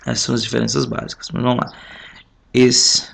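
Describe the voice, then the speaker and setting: Gravelly-voiced Brazilian man teaching. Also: medium pitch, level tone, rapid-fire. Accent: Brazilian Portuguese. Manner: explains step by step, counts syllables aloud. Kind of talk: recorded lesson, going over a test. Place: home.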